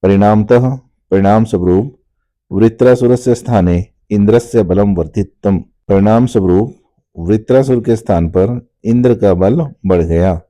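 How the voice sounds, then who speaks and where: Slow, low-voiced male teacher. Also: dark tone. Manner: reads a Sanskrit phrase, then repeats it in Hindi; slows down to stress verse words. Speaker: Sanskrit teacher. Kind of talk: line-by-line textbook explanation.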